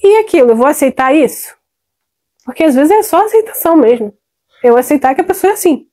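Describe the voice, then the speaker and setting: A middle-aged woman speaks as a therapist, her voice pitched high yet mellow and warm in tone. She talks emphatically and conversationally, calling out to her listeners as if they were friends across a table. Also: expressive, brisk. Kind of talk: direct-to-camera advice talk.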